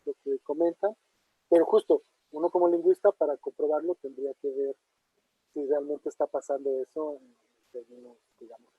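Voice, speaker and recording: A man's voice: fairly high pitch, fairly even intonation, moderate pace, husky, no echo. A man answering audience questions in a casual academic talk, thinking aloud with many fillers and tag questions. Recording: dull muffled online talk audio.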